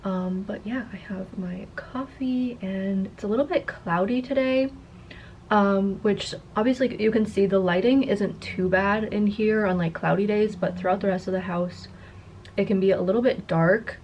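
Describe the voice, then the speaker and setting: A young woman chats casually to camera with a slight lisp, her s turning slushy. Her pitch sits in an ordinary middle range, and some noise hangs behind the voice. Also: moderate pace, muffled recording. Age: 20s. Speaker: content creator. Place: carpeted attic-style room indoors.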